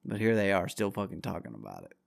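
Low-voiced man ranting crudely. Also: sing-song, quick pace, vocal fry, no room sound, clean studio sound. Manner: crude, heavy swearing, rambling and combative. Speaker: podcast host. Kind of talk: profane solo podcast rant.

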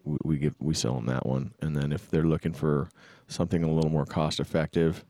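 A man's voice: very deep voice, fairly even intonation, brisk, dark tone, no echo. A man in his fifties, a musician and band leader, talking in an easygoing, plainspoken way in casual podcast chat. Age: 50s.

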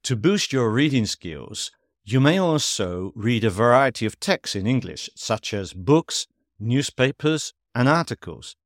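A man teaching English in a scripted podcast lesson, reading at a steady, measured pace and spelling out examples clearly. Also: mid-range voice, dry recording, studio quality.

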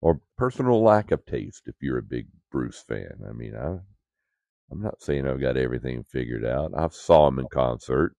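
A man's voice: a bass voice, expressive, normal speed, gravelly, warm tone, no room sound. A man chatting casually as a talk show co-host in a droll, tongue-in-cheek manner. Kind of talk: casual chat.

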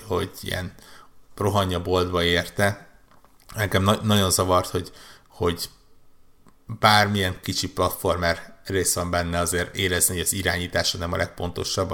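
A man's voice: deep voice, gravelly, fairly bright tone. A man on a podcast, chatting casually about video games, rambling with many restarts and repeated words. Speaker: podcast co-host. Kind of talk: casual gaming chat.

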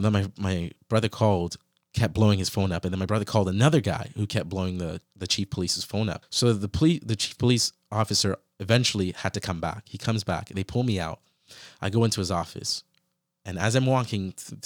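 A young man with a fairly low voice, retelling a personal ordeal in casual, animated storytelling. He speaks earnestly, quoting his own thoughts and stopping to reflect on scripture. The recording sounds close and dry, with no room around it. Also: fast talker, dry recording. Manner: references scripture while reflecting.

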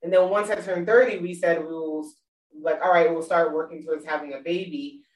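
A woman's voice: on the low side, steady tone, brisk. Woman in casual chat, echoey and distant. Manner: chatty, laughs easily. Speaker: guest, mother. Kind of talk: casual chat about money. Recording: roomy, distant mic.

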